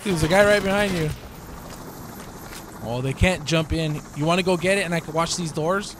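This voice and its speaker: A young man chatting casually during a co-op game, excitable, foul-mouthed and joking. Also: fairly high pitch, normal speed, over music. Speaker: video game player. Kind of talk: casual co-op gaming chat. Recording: gunfire and game noise behind voice. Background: video game gunfire.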